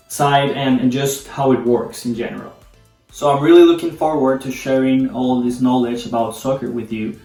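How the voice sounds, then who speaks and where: A Colombian man, a Spanish speaker, hosts a casual video explaining soccer in a mid-range, darkish voice. The room is echoey, the mic distant, and music plays in the background.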